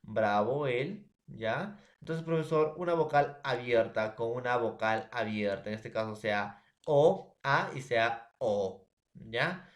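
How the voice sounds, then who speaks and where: A Peruvian Spanish-accented man with a mid-range voice delivers a recorded grammar lesson at an unhurried pace. He calls his students "jóvenes" and keeps checking in with them, often asking "¿ya?".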